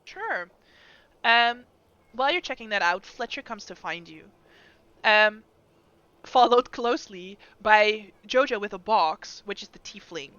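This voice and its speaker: A woman with a mid-pitched voice runs a tabletop game as game master. She improvises her narration as she goes. The audio is a little dull and lo-fi. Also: lively intonation, a little slow, bright, forceful tone, smooth, no echo.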